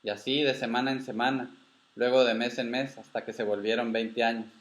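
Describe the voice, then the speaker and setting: A stubborn old grandfather rancher, voiced by a man reading a storybook, folksy and insistent. He speaks with affection, in a voice of middle pitch. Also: level tone, brisk, lightly acted.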